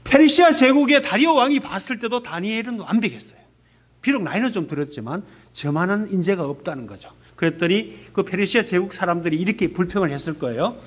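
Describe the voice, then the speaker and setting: A man in his fifties, a missionary pastor, gives an animated testimony sermon in a church service and puts questions to the congregation. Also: sits high, fast. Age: 50s.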